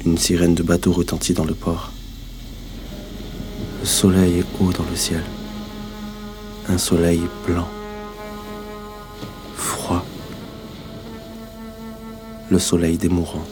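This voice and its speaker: A man narrating in the first person for a radio drama, quiet, measured and somber. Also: deep voice, monotone, over music. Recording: noisy background.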